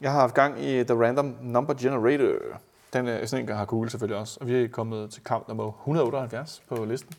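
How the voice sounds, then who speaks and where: A man co-hosting a casual football podcast, telling lively anecdotes and imitating the people in them. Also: mid-range voice. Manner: animated storyteller, mimics others in anecdotes. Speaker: podcast co-host.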